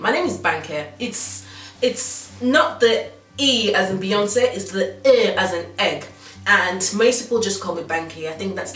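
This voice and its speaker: A Nigerian fashion blogger in her thirties, with a slight Yoruba accent, chats casually to camera in a fairly low, fairly bright voice. She rambles with frequent ums and restarts. The sound is roomy and distant.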